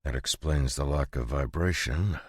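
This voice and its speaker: A calm, unflappable swordsman talks in a very low, dark voice, short and steady, as a male audiobook narrator voices him. The reading is dry and close, with no room around it. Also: moderate pace, breathy edge, no room sound.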